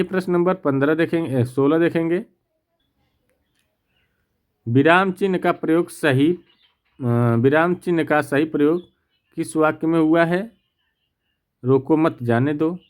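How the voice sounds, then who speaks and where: A man teaching an exam practice lesson, reading each question and its options aloud, then explaining the answer and checking with the class. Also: a little high. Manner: slow, methodical, reads options aloud; repeats "theek na" to check.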